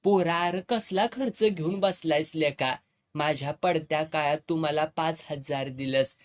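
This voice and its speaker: A storyteller voicing a blunt, fatherly old village headman who talks gruffly in a rural Marathi village dialect. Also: medium pitch, fairly even intonation, moderate pace, lightly acted. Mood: expansive. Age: older. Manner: gruff, earthy, commanding.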